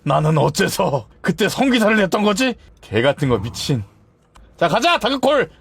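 A man's voice: high voice, very animated, normal speed, gravelly, husky, no echo. A man streaming a game and chatting casually, playful and theatrical, swinging between squeals and mock-stern grumbling.

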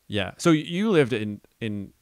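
A man's voice: medium pitch, very animated, takes it slowly, a little mellow, dry recording, studio quality. A young man co-hosting a casual podcast about a film adaptation, thinking aloud with many ums and restarts. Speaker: podcast co-host.

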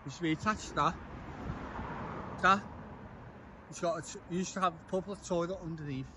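At dusk on town streets, a young vlogger with a high-pitched voice films a walking vlog on a handheld phone, speaking at a normal pace over a noisy background. Chatty and a little tipsy, he rambles and keeps repeating himself in casual commentary.

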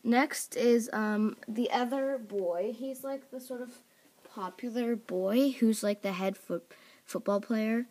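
Slightly high and darkish in tone, a woman speaks slowly from off-camera at home, introducing toy characters laid out on a table for voice auditions she's hosting on her channel. She rambles casually, full of "like" and "um," correcting herself along the way, all picked up by a phone or camera mic.

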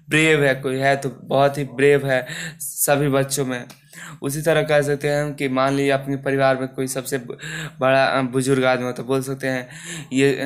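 Smooth-voiced male grammar teacher. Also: mid-range voice. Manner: explains step by step with many fillers and restarts. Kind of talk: grammar lesson.

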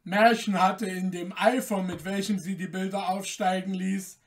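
A man hosting a podcast and reading a fairy tale aloud in a calm, gentle, measured way, recorded a little off the mic. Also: high voice, far from the mic. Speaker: storyteller, podcast host.

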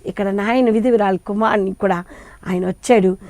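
A middle-aged woman preaching a sermon, pleading with her listeners and asking them questions, her voice swinging between soft and loud. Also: medium pitch, steady tone, normal speed, no echo.

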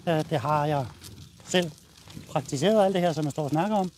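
Danish male dog trainer, high-pitched, blunt and casual, outdoor walk-and-talk demo, faint background noise. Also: darkish tone. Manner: blunt, casual, addresses viewers while walking the dog.

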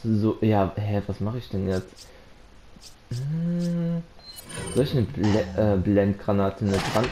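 A German man with a fairly low, expressive voice plays a horror game at an unhurried pace, chatting to both the characters and his viewers as a let's play commentator. He is jumpy and easily startled, yelping and shouting into a close desk microphone. The casual gameplay commentary comes with a noisy background.

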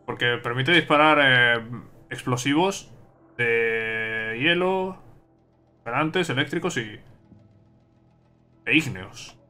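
A man with a Spain Spanish accent talks through a video game as he plays. His voice is bright and tense, and he chats along, thinking aloud and repeating his words. Faint game music plays behind him. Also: medium pitch, takes it slowly, pauses often. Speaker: gaming streamer. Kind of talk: casual let's-play commentary.

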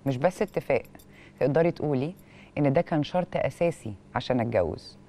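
On a studio lapel mic, a woman with an Egyptian accent who hosts a television show reads a letter and comments in an expressive, questioning way. She has a very deep voice and talks fast.

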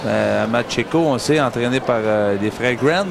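A man with a Quebec accent giving casual, halting sports commentary as a second commentator. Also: mid-range voice, creaky. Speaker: boxing co-commentator. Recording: noisy live arena broadcast.

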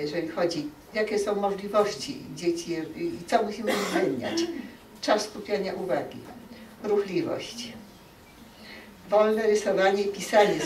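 A woman giving an open lecture to teachers, talking in a lively way and acting out quoted parents and children. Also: medium pitch, recorded from a distance, a little hiss or hum. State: dry throat. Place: lecture hall. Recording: echoey hall, recorded from afar.

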